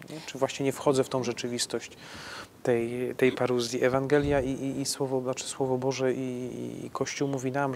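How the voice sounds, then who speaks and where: A man's voice: medium pitch, darkish tone, a little hiss or hum. A man, a priest, answering questions on faith in a conversational way, restarting his sentences and often ending them with a tag question. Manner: conversational, halting restarts, frequent tag "nie?".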